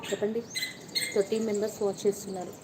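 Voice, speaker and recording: Woman vlogger, casual live-stream host, soft and chatty, teasing viewers, noisy phone audio. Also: mid-range voice, level tone, fast talker. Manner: chatty, greets viewers and reads their comments aloud, playful teasing.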